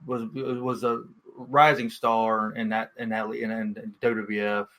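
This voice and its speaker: A man's voice: mid-range voice, level tone, a little slow, sharp tone, low-quality recording. Easygoing, laughing man on a podcast. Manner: easygoing, hesitant, laughs easily. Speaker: podcast co-host. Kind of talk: casual podcast chat.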